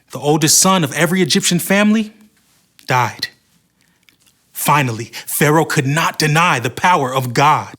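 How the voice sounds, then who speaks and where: A man narrating a Bible story for children in a clear, storytelling delivery. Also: a little high, a bit bright.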